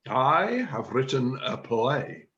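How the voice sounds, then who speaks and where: A man's voice: on the high side, sing-song, unhurried, pushed and bright, dull audio, full character voice. A man reading the part of a self-important chairman of an amateur drama group, declaiming his big plan. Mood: scheming. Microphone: video call.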